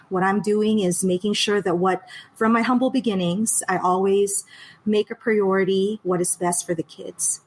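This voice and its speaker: A woman's voice: mid-range voice, low-quality recording. A woman, an education director speaking earnestly as a guest over a video call and laughing easily. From Philippines. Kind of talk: casual interview over a live stream.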